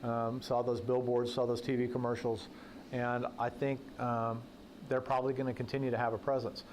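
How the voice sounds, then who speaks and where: In a breakfast event room, a male political journalist gives a guest talk in a relaxed, storytelling style full of joking asides. He speaks at a normal speed in a completely flat, medium-pitched, darkish voice. The audio is rough, carrying a slight hiss or hum.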